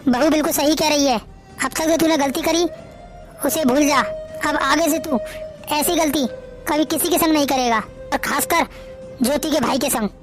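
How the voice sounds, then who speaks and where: Woman voicing a gentle, fretting old mother in a family drama, high-pitched voice. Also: normal speed, faint music behind, natural voice. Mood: worried. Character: elderly mother, gentle and worried.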